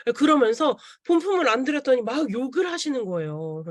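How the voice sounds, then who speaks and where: A woman's voice: high-pitched, lively intonation, brisk, no echo, studio quality. A young woman speaking at an online seminar, telling her own story earnestly and acting out the lines of the people she quotes. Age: young adult. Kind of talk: testimonial talk at an online seminar. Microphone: video call.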